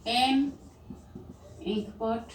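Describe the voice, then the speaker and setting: A woman's voice: a little high, fairly even intonation, drawn-out words. A woman with an Indian English accent teaching a grammar lesson to children, spelling words out letter by letter. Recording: roomy, distant mic, faint background hum.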